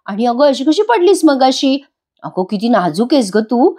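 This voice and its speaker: A woman's voice: high voice, sing-song, normal speed, warm tone, pitched above the performer's own voice. A woman reading the lines of a scheming, jealous young woman, in a mock-sweet, plotting tone.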